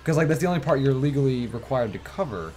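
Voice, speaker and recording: Young man rambling in lively gaming banter. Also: mid-range voice, quick pace, a little hiss or hum. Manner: rambling, heavy use of "like". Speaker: streamer. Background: faint game music.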